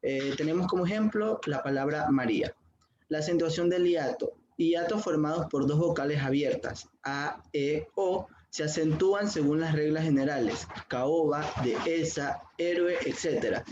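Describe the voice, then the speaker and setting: A man's voice: on the high side, normal speed, highs cut off, noisy background. A man student opening and giving part of a class presentation, reading steadily with small hesitations. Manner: reads steadily with occasional "eh" fillers.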